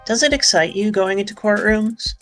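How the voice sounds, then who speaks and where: Gentle earnest android girl, voiced by a woman. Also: medium pitch, normal speed, faint music behind, close to an everyday voice. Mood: wistful. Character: polite naive female android companion.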